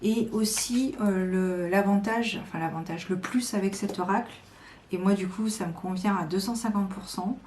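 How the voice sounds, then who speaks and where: A woman talks casually to her viewers, pausing often on fillers while staying enthusiastic. Her voice sits at a middle pitch. The room is echoey, with a faint hiss behind her. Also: a little mellow. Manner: hesitant, many fillers, chatty and enthusiastic. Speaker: tarot and oracle card YouTuber. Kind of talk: casual chat to camera.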